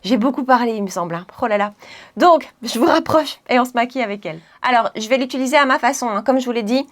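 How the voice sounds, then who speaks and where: A woman's voice: fairly high pitch, fast talker. A woman chatting through a makeup tutorial, laughing often and correcting herself as she goes. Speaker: beauty vlogger.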